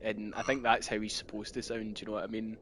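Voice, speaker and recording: A man's voice: on the low side, little pitch movement, fast talker, fairly bright tone. A man chatting casually while playing a game, rambling and dropping "you know what I mean" into every thought, talking through a gaming headset. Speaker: gamer chatting during play. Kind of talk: casual chat. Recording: noisy headset chat recording.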